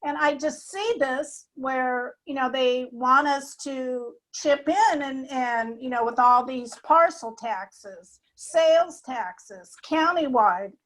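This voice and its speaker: An older woman with a high voice asks her question over a video call. She talks in a chatty, slightly exasperated way. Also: slow, few pauses, fairly bright tone, low-quality recording. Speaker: audience member asking a question.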